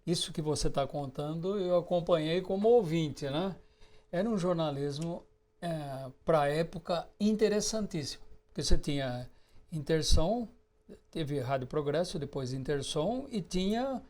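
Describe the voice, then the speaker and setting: A man's voice: on the high side, animated, a little slow, darkish tone. A man interviewing a guest, asking long, searching questions and adding brief affirmations.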